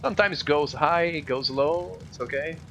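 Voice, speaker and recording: A man chats easily with his viewers while he races, his English halting and not his first language. His voice sits a little high, with a forceful, bright edge. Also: vocal fry, dull audio, a little hiss or hum. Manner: chatty, addresses viewers directly; halting, non-native English phrasing. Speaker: live streamer. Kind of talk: casual chat while gaming.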